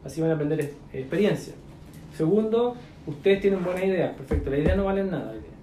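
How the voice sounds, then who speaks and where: A man's voice: a little high, fast, a little hiss or hum. Chilean man mentoring, echoey room. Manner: animated, coaching, lots of slang and fillers. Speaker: business mentor. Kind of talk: casual mentoring chat.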